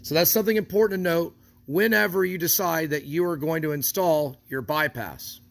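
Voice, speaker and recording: A man with a fairly high voice walks through a build in a hands-on how-to. He explains each step plainly while handling parts in front of a close phone camera. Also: normal speed, creaky, fairly bright tone. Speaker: equipment shop instructor.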